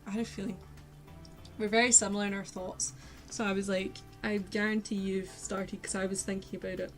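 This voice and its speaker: A woman's voice: mid-range voice, level tone, brisk, soft background music, poor audio. A young woman chatting casually with her viewers as she paints on a livestream, laughing often and talking to herself. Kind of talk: casual chat while painting.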